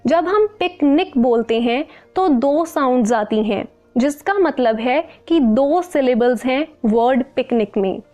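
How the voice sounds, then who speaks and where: High-voiced woman teaching a lesson. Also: darkish tone. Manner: clear, patient, mixing Hindi and English. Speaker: English teacher. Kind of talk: explaining a lesson to camera.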